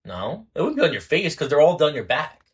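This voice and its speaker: Husky young man, tipsy and rambling. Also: fairly high pitch, sing-song, brisk. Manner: tipsy, repetitive, rambling talk while drinking. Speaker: podcast co-host. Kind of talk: casual banter over a drinking card game.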